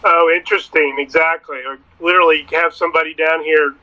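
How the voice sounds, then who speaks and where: A man with a bright, slightly high voice talks casually as a learner, asking and confirming. The recording is dull and lo-fi. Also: steady tone, brisk. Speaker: boat owner being taught. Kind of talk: casual question-and-answer chat. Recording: dull, muffled lo-fi sound.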